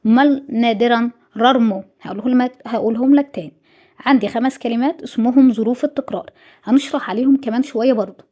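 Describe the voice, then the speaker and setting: Fast-talking Egyptian woman teaching French. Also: a little high, warm tone. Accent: Egyptian Arabic. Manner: patient and repetitive, says each word twice. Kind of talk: exam review lesson.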